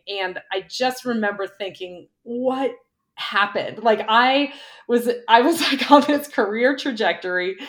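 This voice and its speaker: A middle-aged woman, a former pro cyclist and coach, chatting casually in an interview and telling stories with lots of "like". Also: mid-range voice. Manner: chatty, quick storyteller with frequent "like".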